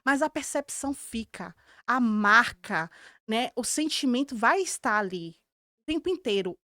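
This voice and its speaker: Brazilian woman therapist, high, dry sound. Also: lively intonation, a little slow, bright, forceful tone, no room sound. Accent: Brazilian Portuguese. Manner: earnest storytelling, acts out clients' words. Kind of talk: podcast conversation.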